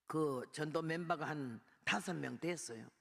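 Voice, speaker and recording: A woman in her eighties, a missionary preacher, giving a lively testimony sermon with a gravelly voice and acting out the people in her story. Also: sits low, moderate pace. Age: 80s. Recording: long hall reverb.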